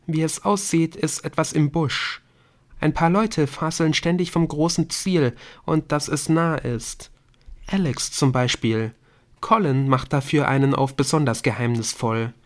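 A man's voice: a little high, measured pace, voice pushed up, close to an everyday voice. A man reading an audiobook, voicing a thoughtful teenage girl who talks in a level, matter-of-fact way. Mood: calm.

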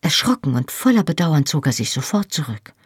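A woman narrating a novel in the first person, in a measured and intimate storytelling manner, close to the mic. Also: deep voice, very animated, husky, dry recording. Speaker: audiobook narrator.

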